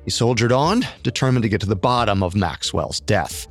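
Low-pitched man narrating true crime. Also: animated, moderate pace. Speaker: podcast co-host.

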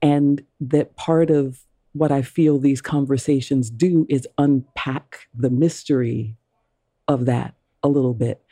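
A woman interviewer, unhurried and deliberate, with a very mellow, dark tone. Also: very deep voice, dry recording, clean studio sound. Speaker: interview host. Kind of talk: conversational interview.

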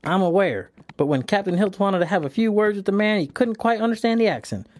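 An actor playing a friendly police officer in a hurry, with a chummy manner. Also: male voice, high-pitched, expressive, no echo. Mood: hurried. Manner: hurried, chummy. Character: eager male police officer, hurried and friendly. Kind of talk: audio drama acting.

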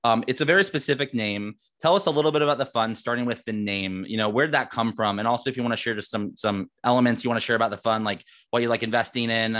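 A man's voice: medium pitch, fast talker, few pauses, a bit bright. A man hosting a podcast who asks rambling questions, stumbling and repeating words. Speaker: podcast host. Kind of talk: casual podcast interview.

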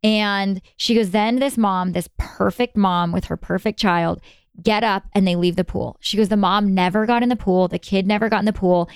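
A woman's voice: medium pitch, fairly even intonation, smooth, no echo, clean studio sound. A woman guest in an interview, telling stories earnestly and sometimes speeding up in bursts. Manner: earnest, storytelling with quick bursts. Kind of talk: conversational interview.

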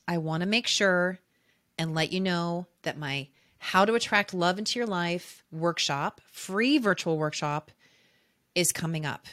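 A woman hosts a love coaching podcast, giving an intro and promotion while addressing her listeners intimately. She gushes and leans on key words, her fairly low voice sounding pushed and bright.

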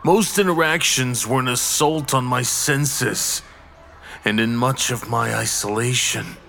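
A haunted, reclusive artist, played by a man, unburdens himself in a slow, hushed, brooding tone. His pace drags, and each word lands heavily. A faint hiss sits under the recording. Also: mid-range voice, creaky. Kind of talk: horror story reading.

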